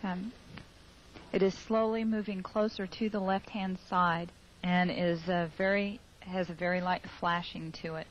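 A woman giving live spaceflight commentary over a mission control broadcast, measured and halting with fillers. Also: on the low side, steady tone. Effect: radio-style mission control broadcast. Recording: dull lo-fi broadcast with faint hiss.

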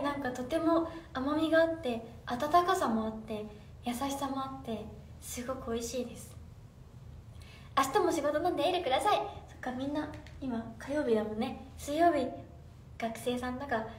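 On a phone livestream, a bubbly young woman with a high voice reads out fan comments and giggles as she answers, talking a little fast. It's casual chat. She sits a little off and far from the mic, in a roomy, echoing room with a faint hum of noise.

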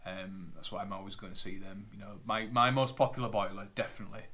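In his living room, a plumber from Northern England sits at a table in front of a camera on a tripod and casually unpacks boiler parts for a vlog, rattling them off in a chatty, matter-of-fact way as plastic bags crinkle. His fairly low voice sounds pushed and bright, with a flat delivery and fast pace.

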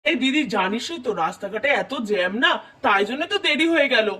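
A performer voicing a hurried younger brother who coaxes and pleads with his sisters in a doll puppet show. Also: mid-range voice, animated, bright, forceful tone. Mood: pleading.

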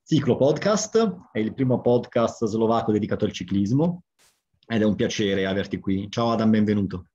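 Italian-accented man, forties, interviewer, relaxed mellow tone, conversational, muffled video-call recording. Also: fairly low pitch, moderate pace. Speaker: interviewer, host. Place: book-lined room at home, on a video call. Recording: dull, lo-fi video-call audio.

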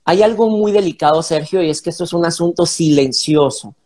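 A man's voice: on the high side, brisk, darkish tone. A middle-aged man speaking earnestly as an interview guest, explaining step by step and acting out short exchanges between parent and child. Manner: earnest, explains in numbered points, acts out parent-child dialogue. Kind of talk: conversational interview.

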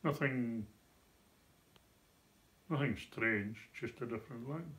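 An elderly man from North East Scotland with a broad Scots Doric accent, explaining things in a measured way in casual chat at home. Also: medium pitch, fairly bright tone. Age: 70s or older. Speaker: grandfather. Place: living room at home, seated in an armchair. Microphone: phone camera a short way off.

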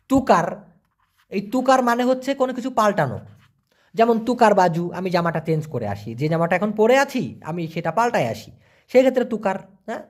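A man teaching a vocabulary lesson, spelling words letter by letter and repeating them slowly. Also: sits high. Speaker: language teacher.

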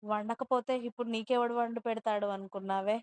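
A woman's voice: a little high, fairly even intonation, fairly quick, darkish tone, clear, resonant tone, no echo, lightly acted. A woman reading a harsh domineering husband. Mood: bossy. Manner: bossy, scolding and threatening. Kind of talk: storybook narration with dialogue.

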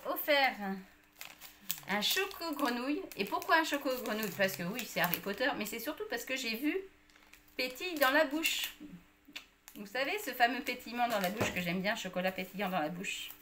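Woman, chatty haul vlog, bright forceful voice, faint background noise. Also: a little high. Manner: chatty, many fillers. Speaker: vlogger. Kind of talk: casual haul chat.

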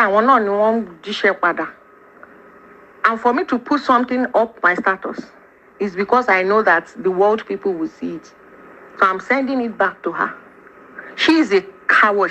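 A woman's voice: mid-range voice, a bit bright. A Nigerian woman speaking in a played-back voice message, accusing and emphatic, switching between English and Yoruba. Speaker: sender of a voice note. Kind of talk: angry personal voice message. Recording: dull lo-fi voice note with faint noise.

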